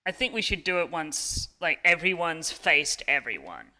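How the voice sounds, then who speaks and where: A man's voice: a little high, sing-song, normal speed, pushed and bright. A man co-hosting a podcast, chatting eagerly and stumbling over the starts of words. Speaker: podcast co-host. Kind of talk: casual chat about wrestling.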